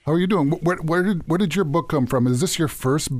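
A man hosting a talk show, interviewing guests in a friendly, slightly halting way. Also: fairly high pitch, dry recording. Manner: friendly, conversational, a bit halting. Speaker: host.

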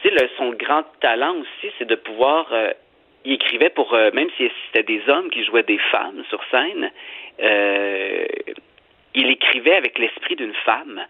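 A man's voice: mid-range voice, a little slow, slightly rough. A Québécois man speaking as a guest over a tinny phone line, his voice thin and narrow. He talks in a mid-range voice and gropes for words, restarting phrases and filling gaps with "euh" and "tu sais" as he explains his thinking. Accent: Québécois French. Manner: thoughtful, rambling with many restarts and fillers. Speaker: theatre director, guest. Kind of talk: radio interview.

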